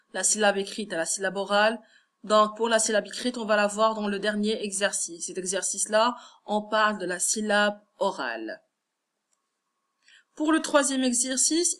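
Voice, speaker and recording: A primary school teacher speaks at medium pitch with a fairly bright tone and a Moroccan French accent. Correcting a first-grade class's lesson, she patiently pronounces words one syllable at a time.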